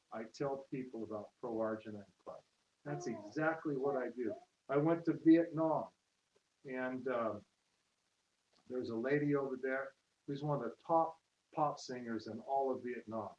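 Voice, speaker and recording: Heard on a lo-fi livestream that is distant, roomy and hissy, a network marketer casually tells rambling testimonial stories to an open-house crowd. His mid-range voice is a little mellow at a moderate pace, and he quotes people loudly.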